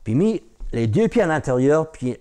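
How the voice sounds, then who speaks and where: A man's voice: a little high, very animated, normal speed, warm tone, clear, resonant tone. A man telling a folk tale aloud in a conversational way, with asides to his listeners. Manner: conversational, repetitive "il dit" framing, asides to listeners. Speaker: storyteller.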